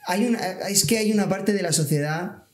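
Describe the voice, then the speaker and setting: A man speaks earnestly and a little preachily, talking through everyday examples in a casual podcast chat. His voice sits a bit high. The room around him rings with noticeable echo. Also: a little fast. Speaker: podcast guest, civil guard officer.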